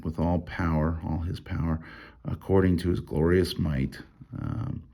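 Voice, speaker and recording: A man with a low, deep voice and a gravelly edge walks through a Bible passage in a relaxed, unscripted way. He reads the verses aloud, then muses over them, pausing often and restarting his sentences as he thinks. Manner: reads scripture aloud between comments. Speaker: Bible study teacher. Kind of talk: casual Bible study walkthrough.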